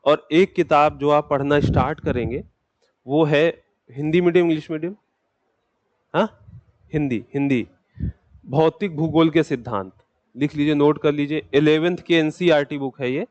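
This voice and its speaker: A man's voice: fairly high pitch, normal speed, long pauses, a little mellow, no room sound, dull audio. A man teaching a geography class, speaking patiently and in a fatherly way to students who have just joined. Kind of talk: classroom lecture.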